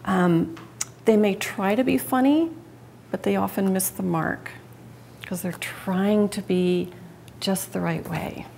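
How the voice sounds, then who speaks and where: A woman's voice: mid-range voice, slow, gravelly, warm tone, slight background noise. A woman giving a live public speaking talk to an audience, chatty and conversational, often restarting and correcting herself mid-sentence.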